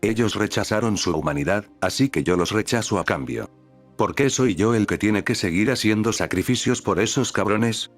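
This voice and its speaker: A man's voice: lowish voice, normal speed, faint music behind, lightly acted. A man voicing a bitter, cynical male shadow being who speaks with scorn and swears.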